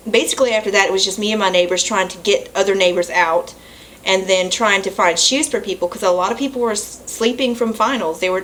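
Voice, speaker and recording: A young woman telling a personal story to her camera at home, emotional and halting, with apologies and small laughs. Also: mid-range voice, fairly bright tone, a little hiss or hum, poor audio. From Southern United States. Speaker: vlogger.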